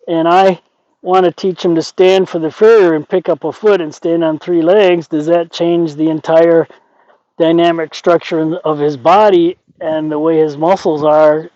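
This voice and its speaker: Older male trainer, conversational and illustrative, slightly high voice, close lo-fi recording. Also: dark tone, no room sound. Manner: conversational, acts out imagined quotes. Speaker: horse trainer. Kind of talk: casual explanatory talk to camera and companion. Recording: dull lo-fi audio.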